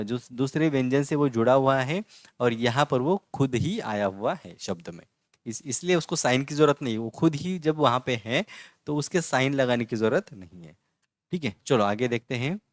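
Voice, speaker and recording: A man teaching an online language lesson in a casual way, sounding out words slowly syllable by syllable and often asking his students whether they follow. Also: medium pitch, no room sound, studio quality. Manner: often asks checking questions.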